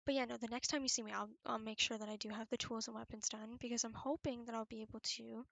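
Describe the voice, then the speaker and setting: A woman's voice: fairly high pitch, steady tone, fast, gravelly, a bit bright, no echo. A young adult woman chatting casually as she narrates her gameplay, in a rambling, informal, self-effacing way. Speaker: video creator narrating gameplay. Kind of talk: casual gaming chat. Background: background music.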